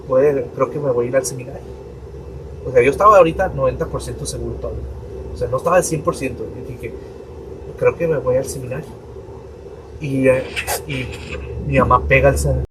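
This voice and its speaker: A young adult priest tells a personal story on a podcast, acting out his parents' voices as he goes. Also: mid-range voice. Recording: distant mic with steady room noise.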